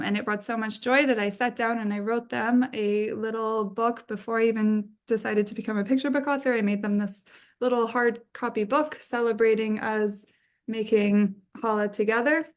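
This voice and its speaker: A woman in her thirties from England, a picture book author chatting casually in an interview, with frequent ums. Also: medium pitch. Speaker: guest author.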